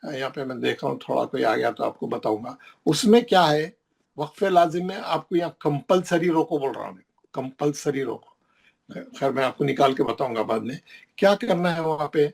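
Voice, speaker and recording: A man's voice: fairly high pitch, animated, moderate pace, gravelly, slightly rough. Emphatic man teaching a class. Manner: repetitive, emphatic, points at the page while explaining. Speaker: Quran recitation teacher. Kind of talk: classroom lesson explaining recitation rules.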